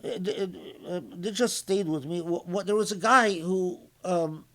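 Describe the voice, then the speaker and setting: This is a man's improvised religious lecture on the Quran, voiced in a high pitch with a fairly bright tone. He pauses thoughtfully and begins sentences over, quoting short Arabic lines and then unpacking them in English.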